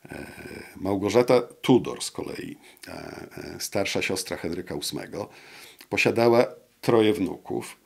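A man in his sixties with a deep, gravelly voice gives a long, careful account as an interview guest. He hesitates a lot, filling gaps with drawn-out sounds. The sound is close and clean from a lapel mic in a studio room. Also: expressive. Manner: hesitant, many drawn-out "e" fillers. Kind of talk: measured historical explanation. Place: wood-panelled studio room with brick wall.

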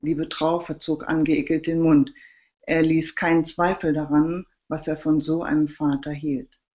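A woman, the author, reading her crime novel aloud live in a steady narrating voice. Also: deep voice, normal speed, dull audio.

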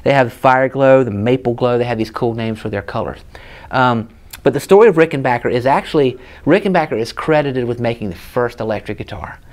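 In a guitar shop with guitars hanging on the walls, a man in his thirties from South Carolina talks in a brisk, mid-range voice with a darkish tone. His Southern US accent colors a casual gear demo as he tells stories and explains a guitar hands-on.

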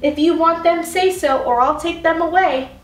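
A woman's voice: extremely high pitch, moderate pace, reverberant, far from the mic, voice pushed up. A woman voicing a timid, polite little boy who pleads earnestly in a storybook reading. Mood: calling out.

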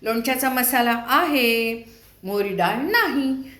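Middle-aged woman vlogger, higher voice, chatty and teasing, home-kitchen cooking talk. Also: lively intonation, slow pace, a bit bright, slight background noise. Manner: chatty, teasing her viewers. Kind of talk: casual chat while cooking. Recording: echoey kitchen with dish clatter.

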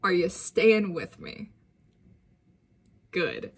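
A woman's voice: fairly low pitch, big pitch swings, extremely slow, slight background noise. A young woman chatting casually and jokingly to her viewers as a vlogger, swearing freely. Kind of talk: casual chat.

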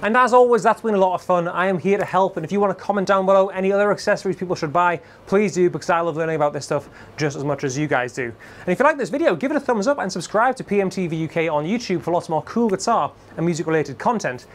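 Geordie guy, music-shop presenter, bright chatty demo patter, high-pitched for a man. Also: animated, fast. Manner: upbeat, chatty salesman patter. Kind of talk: product demo talk to camera.

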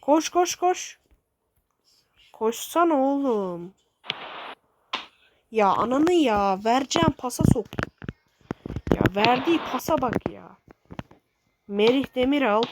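A woman giving excitable, swearing commentary while playing a football video game, shouting at her players. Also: high-pitched. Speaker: gaming streamer. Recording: loud background noise with clicks.

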